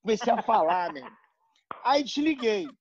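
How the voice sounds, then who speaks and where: A man's voice: high voice, brisk. A man telling a story to friends in casual chat, acting out the people in it. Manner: animated, acts out voices in quotes. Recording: dull lo-fi sound.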